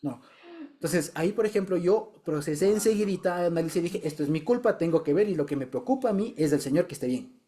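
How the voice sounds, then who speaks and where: Man, fairly high mellow voice, casual group testimony, keeps checking listeners follow. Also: expressive, quick pace. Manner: chatty, repeats words and checks in with listeners. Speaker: Bible study group member.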